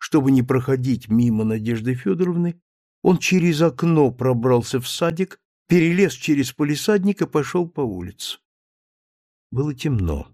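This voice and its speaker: A man reading a story aloud as an audiobook narrator, steady and measured. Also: medium pitch, no echo, clean studio sound. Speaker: audiobook reader. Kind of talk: scripted narration.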